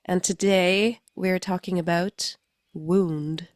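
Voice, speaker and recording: A woman's voice: fairly low pitch, fairly even intonation, slow, no echo, studio quality. Playful woman with a flu-thick voice. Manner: laughs often, playful. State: congested from a flu. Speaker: podcast co-host. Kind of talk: casual chat.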